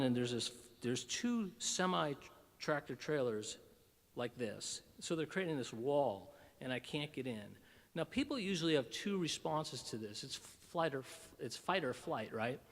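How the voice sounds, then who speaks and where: A keynote speaker with a mid-range voice addresses a large hall at a conference breakfast. His talk is humorous and self-deprecating, and he tells his stories animatedly with many restarts.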